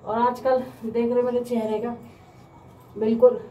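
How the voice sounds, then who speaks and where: A woman chatting casually to her viewers in a home vlog, speaking slowly because of sore mouth ulcers. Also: fairly high pitch, flat delivery, warm tone, roomy sound, far from the mic, slight background noise. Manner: chatty, often addresses viewers as guys. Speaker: family vlogger.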